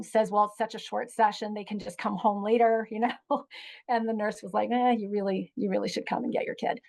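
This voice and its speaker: A woman's voice: medium pitch, creaky, low-quality recording. Chatty woman educator, middle-aged, lots of ums, storytelling on a podcast. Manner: chatty, frequent ums and you-knows, laughs while telling. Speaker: guest educator. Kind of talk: conversational storytelling.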